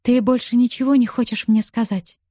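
A woman's voice: on the high side, fairly even intonation, a little fast, dark tone, no echo, studio quality, natural voice. A woman reading the part of an earnest, pleading young woman in love for an audiobook.

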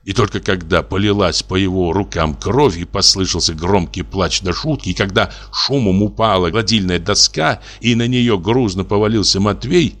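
A man reads a classic short story aloud as an audiobook narrator. His voice is fairly low, and his delivery is measured and grave. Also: a bit bright. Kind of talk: scripted literary narration.

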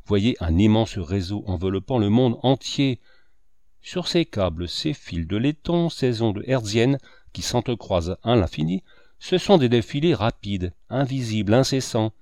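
Man reading a sardonic, declamatory older cynic, lively pitch, dry booth. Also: a little slow, no room sound. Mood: lecturing. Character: lecturing older male cynic, sardonic talker.

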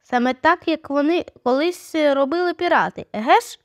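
Woman reader voicing a teasing, eager young girl; high voice, dry close sound. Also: normal speed, no room sound, close to an everyday voice. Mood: musing. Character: lively excited young girl, curious sister.

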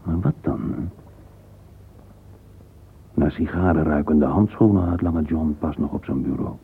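A deep, slow, gravelly male voice gives a full character performance of a musing middle-aged man in a radio drama interior monologue. Sensual, curious and alone with his thoughts, he thinks aloud in a halting murmur. The sound is a muffled, phone-like old recording with faint hiss.

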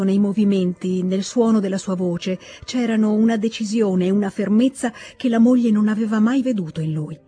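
An audiobook reader narrating a classic novel in a measured, expressive way. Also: medium pitch. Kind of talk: scripted literary narration.

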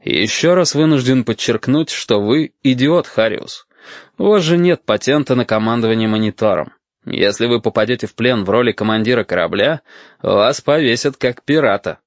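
A man's voice: medium pitch, lively intonation, moderate pace, no echo, lightly acted. A man doing a sardonic, cutting ship captain. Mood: scornful. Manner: dry, cutting, composed. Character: cool, sardonic ship captain, male, adult. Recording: dull, dry audiobook recording.

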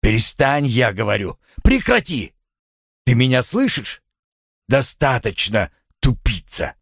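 Guy reading an audiobook doing a raging bossy husband, yelling orders, pitch jumping all over, dry close sound. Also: big pitch swings, measured pace, breathy edge, no room sound. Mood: angry. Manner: shouting harsh orders and insults. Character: furious wealthy husband, forceful, commanding man.

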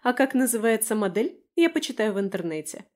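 A woman's voice: on the high side, very animated, fairly quick, a little mellow, pitched above the performer's own voice. A woman voicing a brash, sarcastic, chatty young woman in an audiobook, teasing and mocking. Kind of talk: audiobook character voice.

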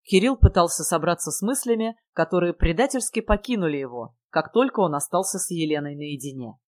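Woman narrator, low voice, dry close sound, wry audiobook reading. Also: expressive, fairly quick, a little mellow, no echo.

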